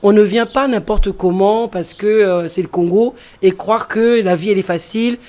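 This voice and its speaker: Her voice is medium-pitched with a dark tone and a moderate pace: a woman who grew up in France, appearing as an entrepreneur guest in an interview. She explains step by step, emphasizing key phrases by repeating them.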